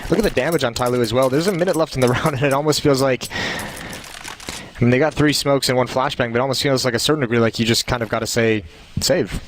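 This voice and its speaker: A man's voice: mid-range voice, quick pace. A man giving analytical, conversational esports caster commentary on a live match. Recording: faint game noise and clicks behind.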